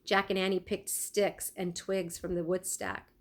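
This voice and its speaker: Reading a kids' storybook like a teacher would, a woman with a fairly low voice speaks expressively and deliberately. She pauses to pose questions to her audience.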